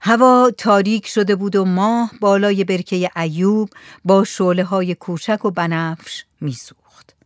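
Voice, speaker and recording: A woman narrating a story in a soft, hushed reading voice. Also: medium pitch, steady tone, no room sound, studio quality.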